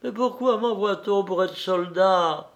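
A man's voice: high-pitched, unhurried, a bit bright, pitched above the performer's own voice. A man voicing a young man in anguish who is losing his mind, pleading and tearful.

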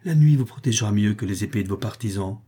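A man's voice: lowish voice, fast, mellow, husky. A man reading aloud, voicing a frightened loyal palace servant with urgent, pleading warnings.

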